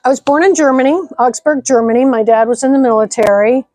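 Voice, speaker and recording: A woman's voice: sits high, quick pace, a little mellow, no echo. Upbeat middle-aged woman being interviewed. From Nebraska, United States. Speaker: nonprofit executive director. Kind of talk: interview conversation.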